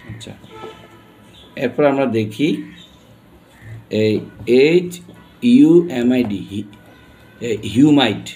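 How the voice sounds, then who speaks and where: A man with a Bangladeshi accent gives a classroom pronunciation lesson, spelling words letter by letter and repeatedly questioning his students. His medium-pitched voice is mellow and slow, with frequent pauses and faint music behind.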